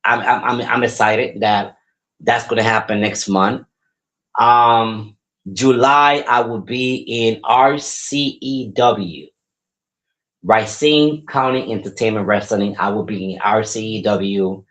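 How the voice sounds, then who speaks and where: This fairly low, slow voice with a somewhat bright tone belongs to a forty-something wrestler and podcast host. He rambles cheerfully through a casual solo episode, repeating his words often. The recording quality is low.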